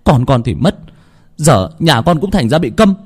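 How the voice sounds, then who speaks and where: A man's voice: on the low side, very animated, normal speed, dark tone, husky. A man doing a hot-tempered young husband. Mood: angry, confronting. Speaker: voiced character in a ghost story. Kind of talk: storytelling with acted voices.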